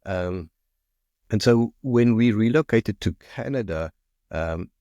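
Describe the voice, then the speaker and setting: A South African man with a South African accent, founder of a marketing agency, talks casually as an interview guest, often repeating and restarting words as he thinks aloud. His lowish, mellow voice is animated but slow. The recording is dry and lo-fi.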